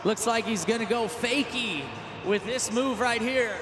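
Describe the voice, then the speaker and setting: A man giving excited, emphatic live play-by-play as an event commentator, often shouting. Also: very high-pitched, unhurried. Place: large stadium event. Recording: echoey stadium PA, loud engine noise.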